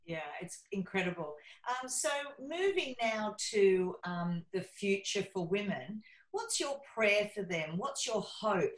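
A woman podcast host asking questions in a slow, searching way. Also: medium pitch. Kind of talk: interview questions. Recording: echoey room.

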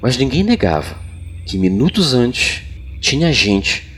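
A Brazilian man narrating as a podcast storyteller, with a sultry, deliberate, dramatic delivery of scripted horror tales. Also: mid-range voice, big pitch swings, fairly bright tone, husky. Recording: music bed behind voice. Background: background music.

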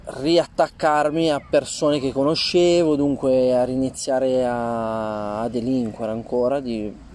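A man giving informal, halting testimony as an interview guest outdoors, rephrasing as he goes, his voice slightly muffled by a face mask. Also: mid-range voice, fairly even intonation, a little mellow. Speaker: interview guest telling personal experience. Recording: faint outdoor ambient noise. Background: outdoor ambient noise.

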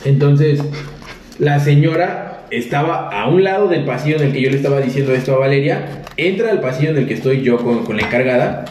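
A man's voice: medium pitch, animated, a little fast, a little mellow. A man with a Mexican accent, a podcast co-host telling a crude, joking story from his job in casual chat. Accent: Mexican Spanish. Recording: roomy with faint noise.

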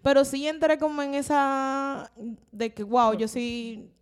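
A young Dominican woman talking openly on a faith podcast, animated and often laughing, slowing down when she turns reflective. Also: high voice. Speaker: podcast guest. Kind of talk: casual faith-based podcast chat.

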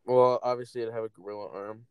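A young man co-hosting a podcast in casual, profane banter, quick-tempered and sarcastic, snapping at his friend. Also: mid-range voice, fairly even intonation, darkish tone, clear, resonant tone, dry recording. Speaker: podcast co-host.

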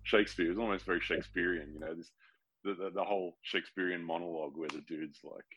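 A man's voice: deep voice, fairly even intonation, fast talker, fairly bright tone, a little hiss or hum. A man in a casual book discussion, talking in an easygoing way and laughing now and then.

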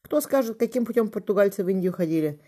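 An audiobook reader voicing Stepan, a calm fatherly seafarer who speaks gently and teases. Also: medium pitch, fast, voice pushed up, close to an everyday voice. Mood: warm. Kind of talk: audiobook character reading.

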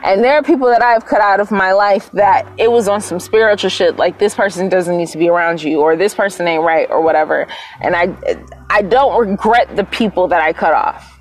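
A young woman, hosting a podcast and telling a personal story in a candid, profane, animated way. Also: mid-range voice, a little fast, a little hiss or hum. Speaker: podcast host. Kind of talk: casual storytelling monologue.

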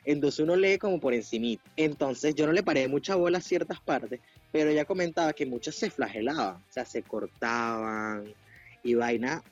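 A man with a Venezuelan accent, chatting casually on a podcast, slangy and animated, laughing often. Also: medium pitch, normal speed. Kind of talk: casual chat. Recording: dull lo-fi sound with faint music.

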